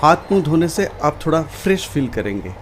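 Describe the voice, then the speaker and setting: A calm train ticket examiner. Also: male voice, fairly high pitch, brisk, a little hiss or hum. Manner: reassuring, then scared.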